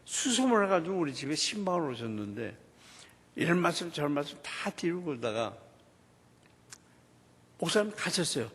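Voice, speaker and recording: A man, a church deacon, giving a lively testimony in a church setting and acting out the dialogue as he tells the story. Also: a little high, moderate pace, pauses often, breathy edge, in a large hall.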